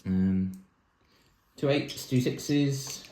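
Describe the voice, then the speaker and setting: A man who builds vintage toy sets hosts a video, chatting casually, counting pieces aloud and muttering to himself as he works. His voice is medium-pitched, warm and very slow. The room is echoey and there's slight background noise.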